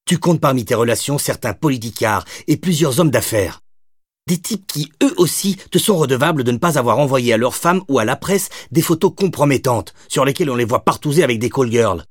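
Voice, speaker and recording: A man's voice: medium pitch, animated, brisk, slightly rough, no echo, clean studio sound, voice pushed up. A man voicing a blunt, insistent female police detective in an audiobook.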